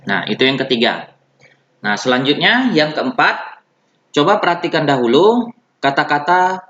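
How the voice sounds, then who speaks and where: A man with an Indonesian accent teaching an English lesson, speaking slowly and repeating each example word for his students. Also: medium pitch, fairly bright tone. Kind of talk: recorded classroom lesson. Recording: dull, roomy lo-fi recording.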